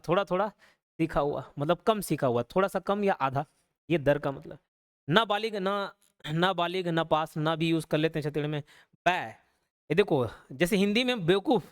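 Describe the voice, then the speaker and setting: A man teaching an online exam-prep class, repeating words slowly and often checking in with "okay?". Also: high voice. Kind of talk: explanatory lecture.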